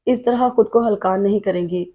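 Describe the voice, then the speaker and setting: A woman's voice: medium pitch, mellow, close to an everyday voice. A woman voicing a worried young woman in an audiobook who earnestly reassures her mother. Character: young woman, worried and caring elder sister.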